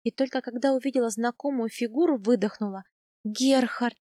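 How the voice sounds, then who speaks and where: A woman reading a first-person novel aloud, soft and intimate in tone. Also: a little high, fairly quick, dry recording, studio quality. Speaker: audiobook narrator.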